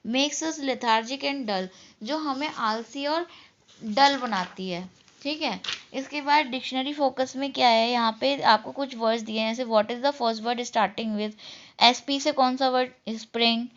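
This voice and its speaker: A woman teaching a class, explaining each point in Hindi and reading the English lines slowly. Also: fairly high pitch, a bit bright, highs cut off. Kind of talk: class lesson explaining a textbook unit.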